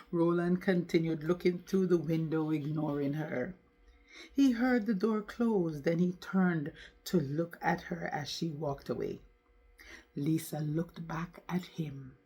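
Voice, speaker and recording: Slow, husky woman storyteller. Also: deep voice, dark tone. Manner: slow, deliberate narration with asides. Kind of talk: storytime narration.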